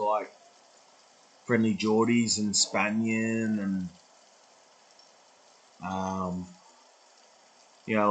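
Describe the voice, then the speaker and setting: A man's voice: on the low side, fairly bright tone, rough recording. A man in his twenties rambling through a casual vlog monologue, swearing freely and losing his track. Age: 20s. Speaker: vlogger.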